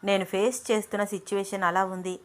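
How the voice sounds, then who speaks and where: A woman voicing a calm, practical young man who speaks affectionately and reasons things out in an even tone, close to her own voice. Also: medium pitch, fairly quick, natural voice.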